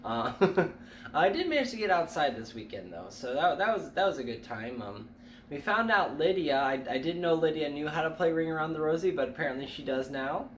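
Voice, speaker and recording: A man's voice: fairly high pitch, sing-song, fairly quick. A young man chats casually, his voice a bit nasal and stuffy from allergies. He rambles with fillers and restarts. The room is echoey, with faint ambient noise behind him. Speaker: vlogger. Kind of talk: casual chat.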